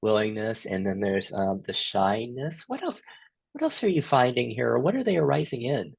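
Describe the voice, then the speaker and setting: A man with a Southern American accent, gently guiding a therapy workshop with reflective questions. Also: medium pitch, big pitch swings, normal speed, gravelly, husky, no room sound. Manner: gentle, inviting, asks many reflective questions. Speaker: workshop facilitator.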